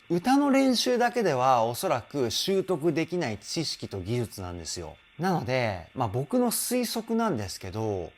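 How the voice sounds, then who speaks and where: A man working as a vocal trainer, giving enthusiastic, explanatory commentary as he analyzes a song. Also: mid-range voice.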